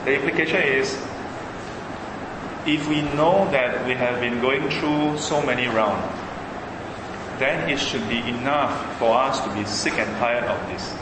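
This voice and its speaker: A man with a Singaporean accent and Singlish phrasing gives an informal Buddhist lecture, speaking haltingly and repeating phrases for emphasis. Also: mid-range voice. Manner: Singlish phrasing with frequent yeah and you know tags. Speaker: Buddhist teacher. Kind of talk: informal religious lecture to a class. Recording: echoey hall, loud background noise.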